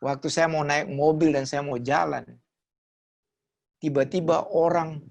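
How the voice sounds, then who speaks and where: A pastor giving a testimony sermon over a video call, telling the story with lively acted quotes that swing between loud and soft. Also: male voice, fairly high pitch.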